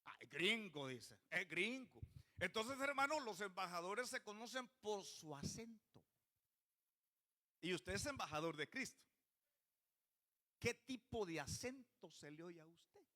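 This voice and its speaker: A high, bright male voice delivers a church sermon. He keeps questioning the congregation as he preaches. His tone is sharp and forward. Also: expressive, unhurried, long pauses. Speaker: pastor.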